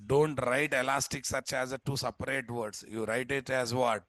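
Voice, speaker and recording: A man's voice: mid-range voice, steady tone, moderate pace, fairly bright tone, no echo. A man with a Telugu Indian accent lecturing an online class informally and bluntly, repeating himself and tossing out rhetorical questions. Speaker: software instructor. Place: indoors at a computer, live screen-share class.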